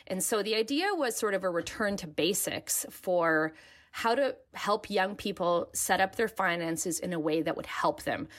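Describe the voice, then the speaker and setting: A woman co-hosting a podcast in a conversational way, recorded in a makeshift bedroom booth with a towel hung to dampen the sound. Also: on the low side. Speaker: podcast co-host, personal finance editor.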